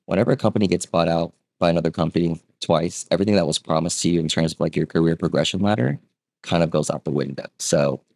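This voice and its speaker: A man with a deep, low voice tells his story in an easy, chatty way, full of small fillers and quick check-ins with the listener. He sounds close to the mic in a dry room. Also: dry recording. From Vietnam. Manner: relaxed, conversational, frequent fillers and rhetorical "right?". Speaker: guest, real estate agent. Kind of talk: casual interview storytelling.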